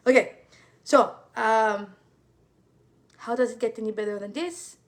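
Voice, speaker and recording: A woman's voice: fairly high pitch, a little slow. A woman from France with a French accent, an intuitive life coach talking casually to viewers, full of fillers and repeated words.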